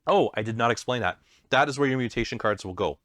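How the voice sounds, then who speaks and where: A man's voice: medium pitch, fast, fairly bright tone, dry recording. A man hosting a casual board game stream, explaining the rules with self-deprecating asides. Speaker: host.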